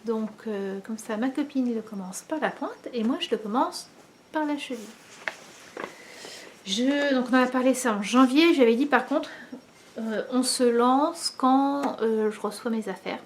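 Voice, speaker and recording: A woman, likely in her thirties, chatting casually to the camera at home as host of a knitting video, pausing often with many fillers. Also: on the high side, a little hiss or hum. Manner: hesitant, many pauses and fillers.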